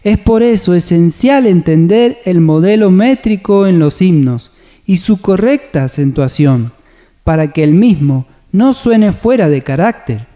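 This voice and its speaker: A man presenting a church music seminar, calmly explaining hymn meter in a measured, scripted way. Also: sits high. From Argentina. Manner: calm, measured explanation with sung hymn examples. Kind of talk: scripted teaching on radio.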